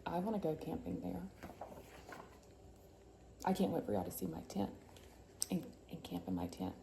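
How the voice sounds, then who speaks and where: The audio is poor, with a little hiss or hum, as a mother reads a picture book to her sons at normal speed. Her low, gravelly, dark voice swings widely in pitch, and she makes the story theatrical and suspenseful, drawing out words and adding chatty asides.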